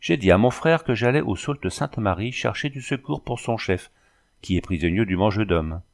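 A laconic young Native woman guide speaks in brief, formal phrases, cool and unhurried, as a man reads her aloud. The voice sits fairly low and carries a gravelly edge. An audiobook character voice. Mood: cold. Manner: terse, formal, calm.

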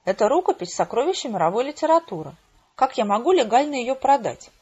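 A woman's voice: on the high side, very animated, fast, mellow, breathy edge, voice pushed up. A woman voicing a self-righteous male politician in an audiobook, protesting grandly, in a dull lo-fi recording.

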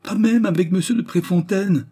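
A man's voice: medium pitch, animated, moderate pace, mellow, pitched above the performer's own voice, lightly acted. A man voicing an earnest, pleading young woman in a storybook reading, raising his voice above his own. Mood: earnest, protesting.

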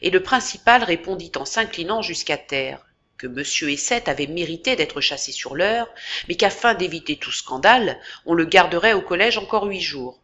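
A woman's voice: on the low side, expressive, moderate pace, fairly bright tone. A woman narrating a classic novel as an audiobook, with dramatic, varied emphasis, in a dull lo-fi recording. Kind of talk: expressive literary reading.

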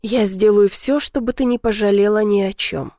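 A woman voicing a tender, adoring young boyfriend in a read-aloud story, speaking softly and slowly to reassure. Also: medium pitch, fairly even intonation, no echo, studio quality, lightly acted. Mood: overjoyed.

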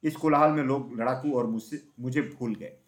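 Male storybook narrator, steady and even, mid-range voice. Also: medium pitch, moderate pace. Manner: steady, even reading with small slips.

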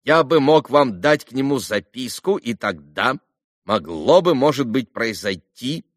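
A man voicing a haughty, impatient doctor who speaks slowly and with weight. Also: mid-range voice, animated, dry recording, studio quality, pitched above the performer's own voice. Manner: slow, weighty, condescending.

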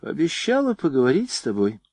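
A proper middle-aged mother, played by a male audiobook reader, gentle yet reproachful. Her lines move with lively pitch. The sound is close and dry. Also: fairly quick, no echo, exaggerated voice. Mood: gentle, stern.

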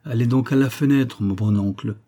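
Man reading an earnest, wounded colonel; dark, husky tone. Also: mid-range voice, moderate pace, lightly acted.

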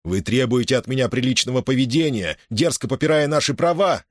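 A man's voice: mid-range voice, fairly quick, no echo, pitched above the performer's own voice, close to an everyday voice. A man voicing an indignant, defiant prisoner protesting his treatment in an audiobook. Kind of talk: audiobook character voice.

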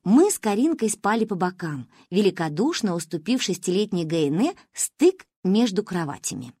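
A woman narrating a story in an expressive, playful storybook reading. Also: mid-range voice, normal speed, slightly rough, no echo, clean studio sound. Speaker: audiobook narrator.

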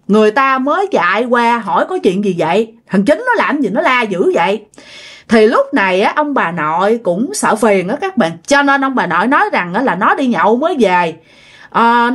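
A woman with a Southern Vietnamese accent and a slightly high, fairly bright voice tells a ghost story. She keeps it chatty and casual, speaking directly to her listeners.

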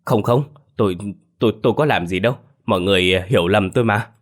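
A man's voice: on the low side, fast, close to an everyday voice. A man voicing a bewildered older village man who stammers and denies everything. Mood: flustered. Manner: stammering, hesitant. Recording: faint background music.

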